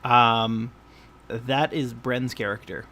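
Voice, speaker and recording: A man acting as game master, narrating casually with a hesitant, halting delivery. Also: mid-range voice, fairly even intonation, sharp tone, a little hiss or hum.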